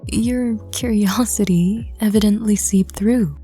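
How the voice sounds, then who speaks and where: Woman narrator, whispered role-play, breathy and husky, very slow. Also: medium pitch, soft background music. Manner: hushed, breathy, intimate second-person narration. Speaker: audio drama reader.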